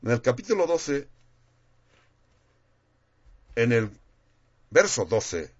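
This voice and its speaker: A man's voice: medium pitch, sing-song, slow pace, dull audio. A man preaching a sermon in a plain, conversational way, reading scripture aloud and explaining it.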